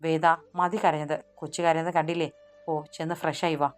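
A woman's voice: deep voice, little pitch movement, fairly quick, faint music behind, lightly acted. A woman voicing an anxious, loving young husband who presses with urgent questions, in an audiobook story. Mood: gentle.

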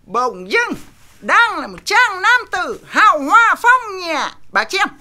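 A bright-voiced henpecked husband. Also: male voice, very high voice, big pitch swings, takes it slowly, full character voice. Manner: dramatic, exaggerated storytelling. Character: vain, scared young village husband, grumbling. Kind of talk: Tet comedy film acting.

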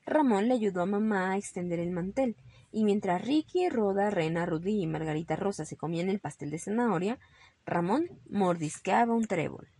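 A woman narrating a children's storybook calmly, ending on a moral. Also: mid-range voice, normal speed, breathy edge.

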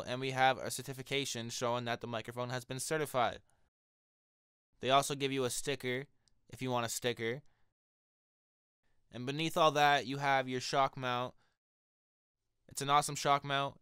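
Speaking at normal speed in a smooth, higher-pitched voice, a young music producer with a cold reviews a microphone for his viewers, addressing them directly in a relaxed, chatty vlog. He's in a small home studio, using a stand-mounted studio condenser mic, and the recording is dry.

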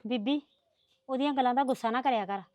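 A woman playing a meek young daughter-in-law who talks softly to calm her mother-in-law. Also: very high-pitched, brisk, no echo, studio quality. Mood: soothing. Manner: soft, placating.

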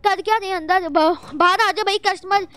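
A woman chatters through horror gameplay in a high, bright register. She is excitable and jittery, bursting into loud exclamations as she plays. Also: a little fast. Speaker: gaming vlogger. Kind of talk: Roblox horror gameplay commentary.

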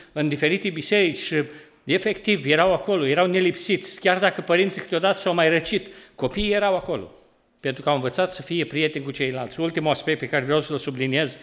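Animated preacher man with a Romanian accent. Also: on the high side. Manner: lively, rising loud when driving a point home; acts out everyday quarrels in a colloquial voice. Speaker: pastor. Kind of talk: sermon. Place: church hall.

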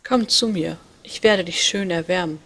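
A woman voicing a kind, gentle old man poet who speaks slowly and caringly in a read-aloud fairy tale. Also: fairly low pitch. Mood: kindly. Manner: warm, slow and caring.

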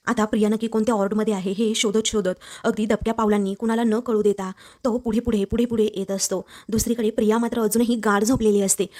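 A woman recapping a drama serial episode as a fast storytelling narration. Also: a little high, mellow. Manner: brisk, reads quoted dialogue in her own voice.

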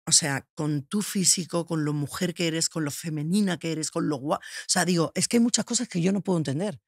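Husky-voiced woman host. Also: deep voice, a little fast, darkish tone, dry recording, clean studio sound. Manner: probing and supportive, with many filler tags. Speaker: podcast host. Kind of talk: interview conversation. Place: studio. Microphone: studio mic.

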